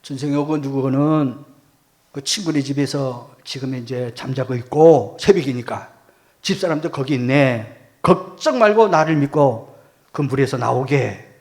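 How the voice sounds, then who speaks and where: Reassuring male friend, steady and soothing, put on by an older male pastor. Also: medium pitch, measured pace, natural voice. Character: calm, reassuring middle-aged male friend.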